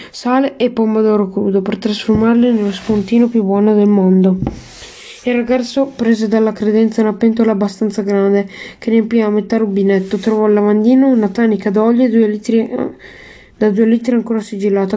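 A woman reads a children's novel aloud, calm and steady, stumbling now and then and correcting herself. Her voice sits fairly high, with a warm, mellow tone. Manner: steady read-aloud with small slips and restarts. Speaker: reader.

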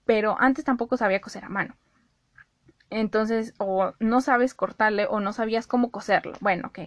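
A young woman with a Mexican accent, talking casually and directly to her viewers, giving advice and acting out her own inner dialogue in an animated way. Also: mid-range voice, normal speed, dry recording. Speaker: vlogger giving life advice. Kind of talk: casual direct-to-camera talk.

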